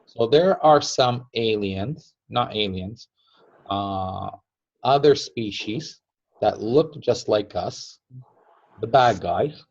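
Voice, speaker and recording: A man casually explaining a story in slow, emphatic phrases that trail off softly. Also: on the low side, expressive, vocal fry, husky, muffled recording.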